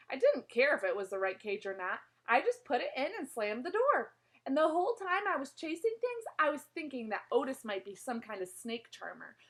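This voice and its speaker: Expressive woman reading a storybook aloud, fairly high, lively pitch, small slips. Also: low-quality recording. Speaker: reader. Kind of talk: reading a children's novel aloud.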